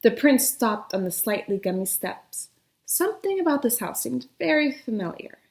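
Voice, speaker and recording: A woman narrates a children's story expressively, as if reading from a picture book. Her voice is fairly high, and the room adds a clear echo. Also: sing-song, moderate pace.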